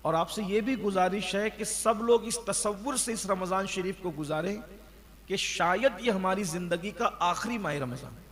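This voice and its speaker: A preacher gives a Ramadan sermon in a high, fairly bright voice, urging his listeners on, posing rhetorical questions, and chanting the creed slowly. Long reverb makes it sound as though he is in a large hall.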